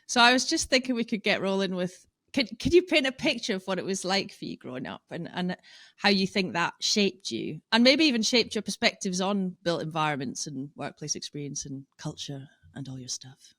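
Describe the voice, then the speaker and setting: A woman's voice: on the low side, lively intonation, brisk, fairly bright tone, no room sound, studio quality. A woman from Shetland with a Shetland Scottish accent, hosting a podcast with introductions and interview questions. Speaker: podcast host.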